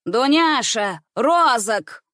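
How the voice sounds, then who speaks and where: A woman's voice: fairly high pitch, animated, extremely slow, a bit bright, no room sound, studio quality, pitched above the performer's own voice, heavily acted. A woman doing a shrieking enraged governess. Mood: commanding. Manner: screeching, accusing. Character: shrill furious governess, middle-aged woman.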